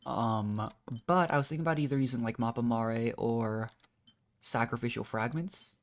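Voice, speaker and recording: A video game streamer rambles casually through gameplay commentary, thinking aloud in a modest, unsure way. He has a mid-range voice and talks at normal speed.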